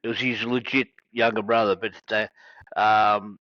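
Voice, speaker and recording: A man's voice: on the low side, little pitch movement, unhurried, no room sound. Man, interview host, casual questions, dry close sound, a bit muffled and lo-fi. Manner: brief, chatty questions.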